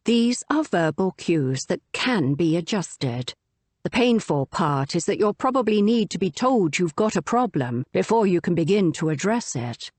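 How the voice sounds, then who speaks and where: A woman narrates a nonfiction book in a measured, articulate way. Her pitch moves lively up and down through each sentence, and she sits on a close mic in a dry, dead room with no echo. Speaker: audiobook narrator.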